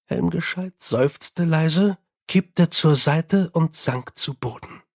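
A man reading an audiobook in an even, measured storytelling manner. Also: a little high, gravelly. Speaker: audiobook narrator. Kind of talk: scripted narration.

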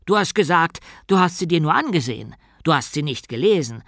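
A man's voice: fairly high pitch, very animated, fairly quick, a bit bright, no echo, clean studio sound, pitched above the performer's own voice, full character voice. A man voicing a simple, anxious young male novice who talks in a bewildered, earnest way in an audiobook.

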